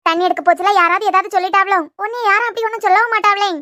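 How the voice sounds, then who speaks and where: A woman's voice: very high voice, fairly even intonation, very fast. A woman voicing a fretful old grandmother. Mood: tender. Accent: Kanyakumari Tamil. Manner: soft, coaxing, affectionate. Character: loving old grandmother, gentle and worried. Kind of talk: cartoon serial voice acting.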